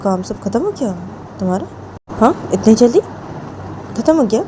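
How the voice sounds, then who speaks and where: A woman's voice: on the high side, very animated, normal speed, background noise, voice pushed up. Woman putting on a bossy young woman, scolding. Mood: pressing. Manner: scolding, rising questions. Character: bossy young woman Jiya, teasing partner.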